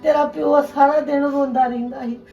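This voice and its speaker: An actress plays a middle-aged mother weeping and pleading with her daughter, who has come back home, wailing out desperate questions. Her high voice is brisk and creaky with fairly even intonation, and the lo-fi recording sounds echoey, captured on a distant mic.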